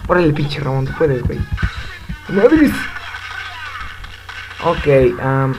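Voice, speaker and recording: A man's voice: medium pitch, fairly even intonation, normal speed. A young man with a Mexican Spanish accent commenting casually on a fighting game as he plays, swearing in frequent outbursts. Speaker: gamer. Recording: game music loud behind voice.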